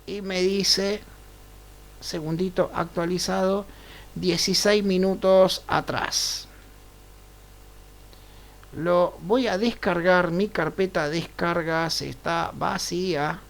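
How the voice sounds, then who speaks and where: An unhurried male teacher leading a live online programming lesson, with a gravelly, creaky texture to his voice. He talks through each step as he goes and keeps checking in with his class. His pacing is deliberate and slow. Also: high voice, fairly even intonation. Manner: unhurried, checks in with frequent "right?" tags. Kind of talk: live online class, thinking aloud over screen share.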